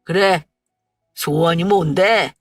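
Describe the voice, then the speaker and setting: A woman voicing a gruff, hot-tempered late husband who blusters and scolds, then turns tender, in a story reading. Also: on the low side, slow pace, dry recording. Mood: gentle. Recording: dry distant mic with faint music. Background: faint background music.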